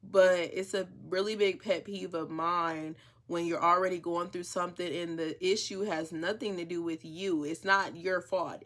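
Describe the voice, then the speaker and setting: An American woman with a slightly low voice chats in casual reaction commentary. She is wearing retainers, so her words come out a little impeded. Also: a bit bright. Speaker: reaction video host; hairstylist.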